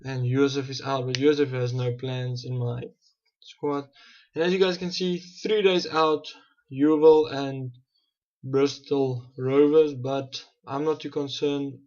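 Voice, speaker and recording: Slow and flat, his mid-range voice has a slightly mellow quality, and the recording lacks high frequencies. The young South African gaming host talks loosely through his football management game, reasoning aloud with frequent restarts and self-corrections.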